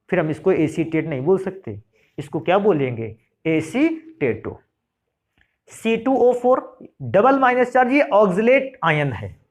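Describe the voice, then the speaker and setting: A middle-aged man teaching a chemistry lesson, asking questions and answering them himself, repeating key terms and calling students "beta". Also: high-pitched. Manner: addresses students fondly as "beta". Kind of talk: classroom lecture.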